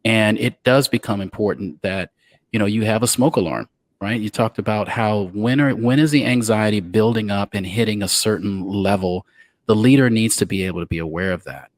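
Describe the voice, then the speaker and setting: Low-voiced halting male podcast host. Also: no room sound. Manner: halting, many fillers. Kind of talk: podcast talk.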